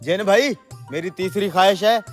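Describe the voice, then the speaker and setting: Male actor as a high-pitched, downtrodden worker, excitable, light music. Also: normal speed, lightly acted. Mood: eager. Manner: nervous then defiant, exclaiming. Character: downtrodden young kiln worker, put-upon. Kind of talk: comedy sketch acting.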